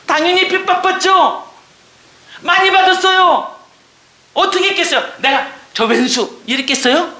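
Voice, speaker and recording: A woman's voice: high voice, reverberant. An older woman giving an emotional church testimony, sighing and exclaiming, sometimes dropping to a whisper. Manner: emotional, animated, exclaims and sighs.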